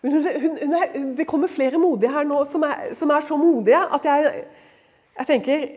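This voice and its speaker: A woman speaking at a women's retreat, telling Bible stories in a lively, conversational way, acting out quoted lines and dropping to a hush at tender moments. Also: sits high. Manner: lively storytelling, acts out quoted lines, swings from loud to hushed; conversational fillers, frequent laughter in voice. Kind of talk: devotional talk.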